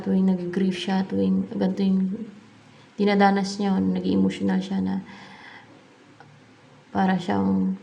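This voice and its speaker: A woman's voice: mid-range voice, creaky, mellow. A woman giving a casual spoken tarot reading, musing aloud and repeating herself as she mixes English into her speech. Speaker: tarot card reader.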